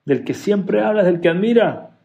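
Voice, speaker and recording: A man's voice: high-pitched, expressive, normal speed, vocal fry, muffled recording, pitched above the performer's own voice. A man voicing an indignant male coworker who gossips and accuses in a scornful way while retelling a story.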